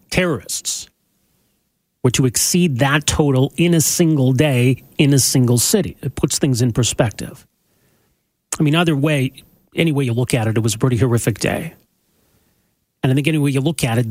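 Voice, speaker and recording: A man hosting a radio talk show, speaking in a measured, earnest way and stumbling over repeated words when he asks questions. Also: medium pitch, slightly rough, no echo. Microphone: studio microphone.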